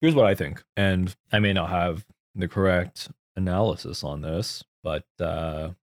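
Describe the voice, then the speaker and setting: Deep-voiced man in loose chat. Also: measured pace, dry recording, studio quality. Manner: loose, self-doubting, swears casually. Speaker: podcast co-host. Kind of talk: casual conversation.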